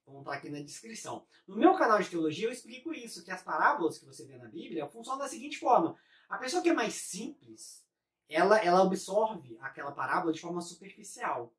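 A man's voice: high voice, very animated, a little fast, fairly bright tone. Man, Brazilian Portuguese accent, informal coaching lesson, chatty, tag questions everywhere, echoey room, mic set back. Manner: chatty, ends most phrases with a tag question. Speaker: business coach and YouTuber. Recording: roomy sound, mic at a distance.

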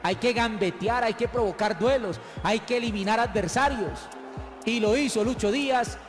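A Colombian man giving excited football analysis, emphatic and repeating words for effect. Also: high-pitched, moderate pace. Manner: emphatic, repetitive, counting out points. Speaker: football pundit. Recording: reverberant broadcast with music behind.

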